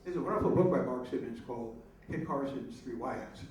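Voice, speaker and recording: A man's voice: medium pitch, darkish tone. A man tells stories and jokes during a casual talk, stumbling over the first words of his sentences now and then. He sounds distant in a very echoey hall. A faint hiss sits under him. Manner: jokey storyteller, halting restarts. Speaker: speaker.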